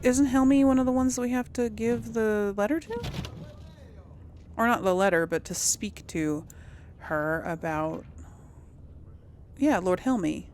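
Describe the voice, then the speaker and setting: Her voice on the high side and darkish in tone, a woman unhurriedly talks her way through a role-play let's-play, pausing often and rambling hesitantly as she thinks aloud. Game ambience forms clear background noise.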